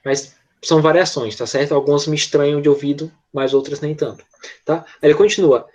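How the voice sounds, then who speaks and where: A man with a Brazilian accent teaching an English class online, patiently walking pupils through repetition and often checking in with quick tag questions. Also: fairly high pitch, fairly even intonation, a little mellow, highs cut off.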